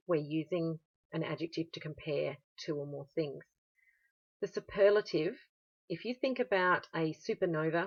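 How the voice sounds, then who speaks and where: Australian female language teacher, low-pitched voice, patient explainer, recorded lesson on a dull lo-fi recording. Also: slightly rough. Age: adult. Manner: patient, explanatory, with frequent "um" fillers. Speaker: German teacher.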